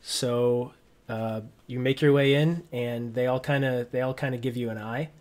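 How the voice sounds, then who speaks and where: A man's voice: mid-range voice, steady tone, moderate pace, a little mellow. A man working as game master, narrating a tabletop roleplaying game informally and piecing descriptions together as he goes.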